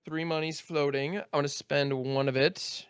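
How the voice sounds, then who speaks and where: Man, smooth clear voice, slightly high, close and dry; methodical card-game player who counts aloud. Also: fairly even intonation, normal speed, dry recording. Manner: methodical, counts aloud, sound-effect interjections. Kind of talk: casual play-by-play of his own turn.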